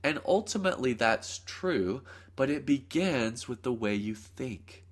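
A man's voice: mid-range voice, expressive, unhurried. A man hosting a solo podcast, a bit under the weather with a nasal, congested voice, teaching in a casual, rambling way with frequent self-corrections. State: congested from a cold. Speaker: podcast host. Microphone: close podcast mic.

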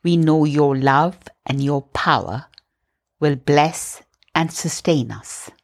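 Low calm woman leading a breathing prayer, takes it real slow. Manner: slow, soft, calm guiding. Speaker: meditation host. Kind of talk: guided prayer meditation.

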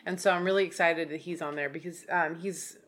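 A woman's voice: lowish voice, fairly even intonation, a little fast, a bit bright. A woman from Oregon co-hosting a podcast in casual chat, chatty with many fillers and frequent laughs. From Oregon, USA. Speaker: podcast co-host.

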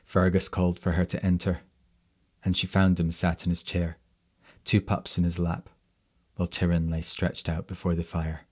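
Male storyteller, slow and measured narration, deep flat voice.

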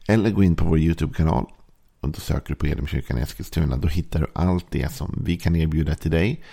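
A male pastor giving a calm, reflective devotional sermon, reading scripture and pausing often with fillers. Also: extremely low pitch, vocal fry.

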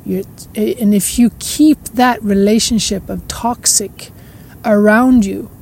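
A woman's voice: medium pitch, fairly even intonation, vocal fry, slight background noise. A woman hosting a podcast, musing at length in a reflective spiritual monologue. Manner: slow, musing, with soft laughs and trailing repetitions. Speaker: podcast host.

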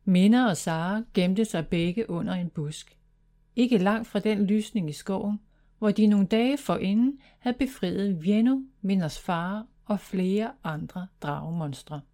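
A woman reading a children's fantasy story aloud, in steady, even narration. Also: medium pitch.

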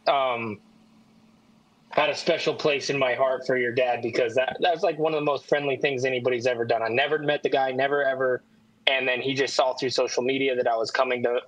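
A middle-aged man, a podcast co-host, telling a story in a warm, unhurried way. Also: mid-range voice, no echo, rough recording. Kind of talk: casual storytelling.

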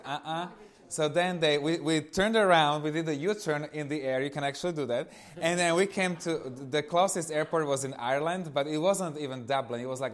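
With a voice on the high side, a man in his thirties from eastern Slovakia speaks informally as a guest giving personal testimony. He has a Slovak accent and tells his stories to the audience with animation.

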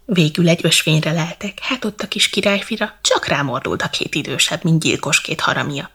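Woman storyteller, bedtime verse, gravelly and very husky, lowish. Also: expressive, a bit bright. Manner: slow, rhythmic verse reading.

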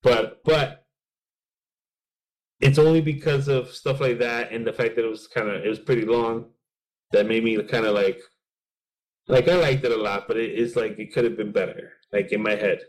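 Homem falando solto, cheio de "like". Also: male voice, medium pitch, steady tone, moderate pace, long pauses, poor audio. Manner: rambling, full of fillers and acted-out asides. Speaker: podcast co-host. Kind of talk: casual chat.

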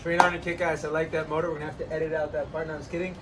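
A man hosting a casual outdoor chat, giving energetic, joking fitness advice beside an ice bath. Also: fairly high pitch, racing, recorded from a distance, background noise. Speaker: host, trainer.

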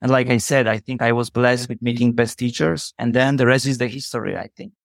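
A native Polish speaker with a Polish accent answers interview questions as a CEO guest, earnest and motivational, with slightly non-native phrasing. His medium-pitched, gravelly voice is brisk with fairly even intonation, recorded in studio quality with no echo.

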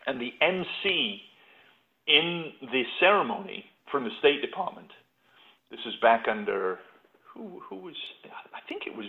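A man's voice: medium pitch, sing-song, unhurried. A middle-aged man from North Yorkshire, a podcast guest telling his story in a reflective, stop-and-start way. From England, North Yorkshire. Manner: reflective, with frequent restarts. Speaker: podcast guest, patent consultant. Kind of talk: casual interview talk. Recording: tinny phone-like line.

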